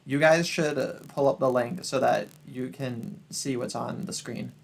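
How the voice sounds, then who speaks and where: A man with a gravelly, fry-edged voice hosts a casual live stream. He rambles along in a chatty tone and laughs at himself as he goes. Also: mid-range voice, steady tone, a little slow, slight background noise. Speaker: streamer host.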